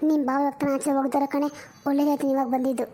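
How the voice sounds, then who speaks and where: A woman's voice: high-pitched, level tone, rapid-fire, dark tone, natural voice. A woman voicing a worried elder sister who works as a poor housemaid and lectures her younger sister with proverbs. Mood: coaxing. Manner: lectures and scolds, uses proverbs.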